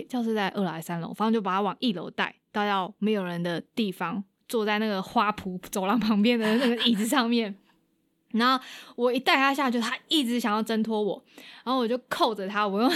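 A young woman appearing as a guest on an interview show recounts something that happened to her with lots of energy, performing the lines of dialogue as she tells it. Her voice is mid-range, captured as clean studio sound with no echo.

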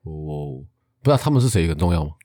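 A man's voice: very deep voice, very animated, quick pace, mellow, dry recording. A man with a Taiwanese accent co-hosting a podcast in casual, teasing banter with a dry joking streak. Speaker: podcast co-host.

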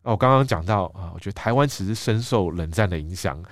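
Man, middle-aged, Taiwanese Mandarin accent, low voice, dry close sound, measured explanatory guest, many "ah" fillers. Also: animated, no room sound. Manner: measured, thoughtful, frequent "ah" fillers. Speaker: guest, book editor-in-chief. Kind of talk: explanatory interview talk.

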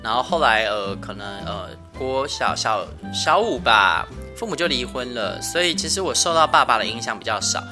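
A male podcast host with a soft, thin voice, chatting casually and laughing often with light self-mockery. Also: medium pitch, animated, normal speed, hardly any pauses, over music. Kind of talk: casual family chat.

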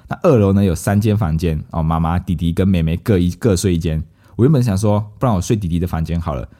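A man, telling a story casually as a podcast host and acting out his family's lines. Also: sits low. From Malaysia. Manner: lively anecdote-telling, acts out quoted family members.

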